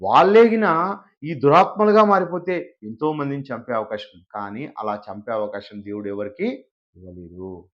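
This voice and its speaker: A man's voice: mid-range voice, lively intonation, moderate pace. Emphatic male preacher, lo-fi. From India. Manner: emphatic, rhetorical questions to listeners. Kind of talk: live sermon. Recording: dull lo-fi recording.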